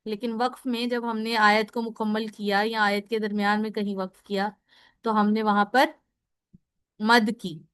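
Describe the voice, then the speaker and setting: Woman, recitation teacher, recorded lesson, step-by-step explaining, answers her own questions, smooth voice, dry sound. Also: on the high side, a bit bright, no room sound. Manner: explains step by step, often checking in with "ठीक है"; asks questions and answers them herself. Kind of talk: recorded lecture.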